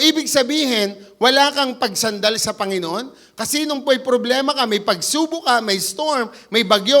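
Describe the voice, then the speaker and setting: A man with a Batangas Tagalog accent preaching an animated sermon, acting out the quoted voices and switching into English now and then. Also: very high voice. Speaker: pastor. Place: church.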